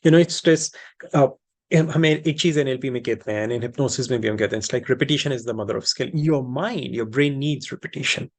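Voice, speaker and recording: A man with or as his language leads an informal group session as a hypnosis practitioner. He explains things reassuringly, often repeating and rephrasing his key phrases, at a middling pitch. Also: very fast. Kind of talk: informal teaching and question session, switching between two languages.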